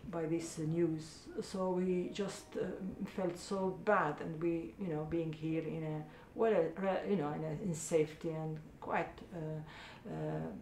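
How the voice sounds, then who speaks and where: This charity founder, a middle-aged woman from Iraq, gives interview answers in an earnest, halting manner, peppered with "uh" fillers. Her low voice is mellow, gravelly and steady in tone. Underneath, an echoey room and a faint rumble can be heard.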